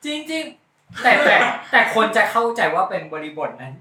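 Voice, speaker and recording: A man in casual chat with friends, animated and teasing, quick to laugh. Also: sits high, echoey room, slight background noise.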